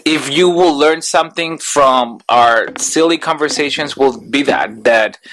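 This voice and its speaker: A man's voice: mid-range voice, unhurried, a little hiss or hum, poor audio. Laughing man chatting over lunch. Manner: lively, laughs often, trails off and restarts. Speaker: podcast co-host. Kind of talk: casual chat over lunch.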